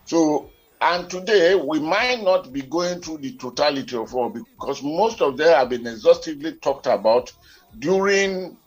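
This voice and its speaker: A man's voice: on the high side, animated, normal speed, breathy edge. A Nigerian man co-hosting a radio current affairs show, heard over a telephone line, talking in a formal, wordy and digressive way. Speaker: radio talk show co-host.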